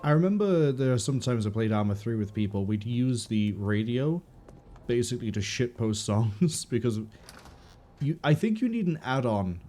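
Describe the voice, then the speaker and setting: A man giving relaxed, rambling playthrough commentary as a gaming video host. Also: mid-range voice. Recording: faint game music behind.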